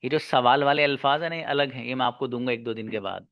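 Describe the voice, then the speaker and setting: A man teaching an online English grammar lesson. He asks his students questions and answers them himself, repeats key words, and draws out English example sentences slowly. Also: medium pitch, no echo, dull audio.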